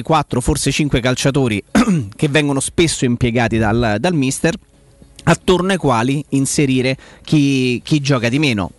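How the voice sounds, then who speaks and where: A man's voice: mid-range voice, no echo. A man giving analytical football commentary on radio, reasoning tentatively aloud through the options.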